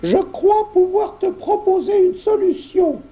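A man's voice: extremely high pitch, expressive, measured pace, dark tone, voice pushed up, exaggerated voice. A man voicing a small, sly, mischievous squirrel in a children's story, in a teasing, gleeful manner.

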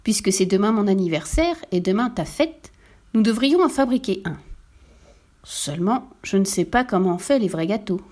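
Storybook pet: woman reading as a fussy tomcat, raised pitch, eager and chirpy. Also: lively intonation, normal speed, a little mellow, natural voice. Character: fussy excitable house cat, male.

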